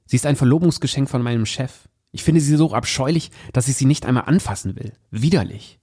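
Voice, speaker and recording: Guy reading as an annoyed young fiancé, curt, scornful, husky voice. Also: medium pitch, fairly quick, darkish tone, natural voice. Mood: outraged. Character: disgusted, stubborn young man, angry fiancé. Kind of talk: reading aloud from a story.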